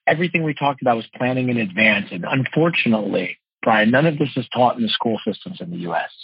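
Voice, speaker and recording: A man's voice: mid-range voice, husky, no echo. A man in his forties from New Jersey, telling his life story earnestly as a podcast interview guest. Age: 40s. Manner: earnest, fast-talking, expressive storyteller. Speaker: guest, financial wholesaler and speaker. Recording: dull lo-fi dry podcast audio.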